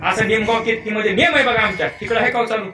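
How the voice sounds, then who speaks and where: Man, high voice, playful kirtan preacher, echoey far-off hall. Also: fairly even intonation, racing. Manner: playful, teasing the audience with questions. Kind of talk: devotional kirtan sermon with storytelling. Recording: echoey and distant, live hall with music.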